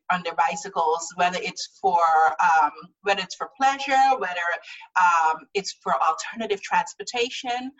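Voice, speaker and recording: Speaking as a guest about her cycling group, this Guyanese woman is earnest and casual, repeating words as she goes in an interview. Her mid-range voice is a bit bright, picked up from a distance in a muffled recording.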